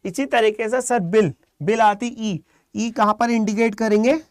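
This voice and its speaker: A man teaching a live online shorthand class, calm and encouraging, quizzing students by name. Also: high-pitched, unhurried, dry recording, studio quality.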